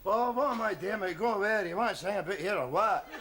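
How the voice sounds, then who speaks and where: A man's voice: high voice, brisk, lightly acted. An actor with a broad Scottish accent playing a cheeky, chummy man student in a 1970s sitcom. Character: cheerful Scottish man student, cocky joker. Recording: hissy old TV broadcast.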